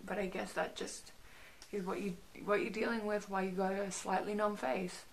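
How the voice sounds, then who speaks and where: Creaky young woman, slightly restricted jaw. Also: medium pitch, steady tone, moderate pace, a little hiss or hum. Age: young adult. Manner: rambling, hesitant, frequent "like". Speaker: vlogger. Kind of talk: casual chatty recovery update to camera. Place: small bedroom, indoors.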